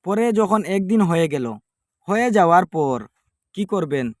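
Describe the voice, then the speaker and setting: A man with a fairly high voice talks through a home ritual one step at a time, pausing and circling back to repeat each instruction. There is no microphone, only the device's built-in one, and the sound is close and dry with almost no room echo. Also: animated, darkish tone. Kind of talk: step-by-step spoken demonstration. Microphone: no microphone, device's built-in mic.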